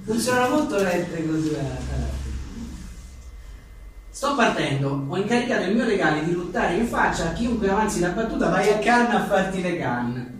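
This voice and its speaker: Reading humorous one-liners from his own book at a live event, a writer and journalist jokes wryly, tosses in casual asides, and often chuckles. His high voice has a sing-song quality at a moderate pace, captured by a distant mic in an echoey, reverberant room with faint noise.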